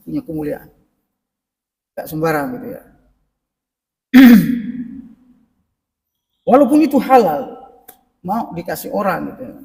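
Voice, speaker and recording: A middle-aged man with a high, gravelly voice gives a parenting lecture in a mosque, speaking relaxed and conversationally and repeatedly addressing the congregation directly. The mic sits at a distance, and the echoey hall leaves a long tail on his voice.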